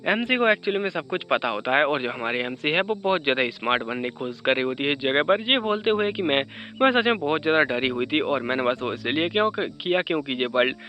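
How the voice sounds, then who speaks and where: A man's voice: a little high, lively intonation, fast talker, hardly any pauses, highs cut off, faint music behind. A man recapping a comic story in a casual, chatty way, adding teasing jokes between the plot beats. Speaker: manhwa explainer.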